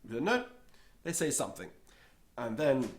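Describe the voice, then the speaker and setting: This Latin teacher speaks at a moderate pace in a sing-song, mid-range voice. In his slow spoken lesson, every Latin word is said, repeated, and explained in English, and he acts out small scenes with his voice raised.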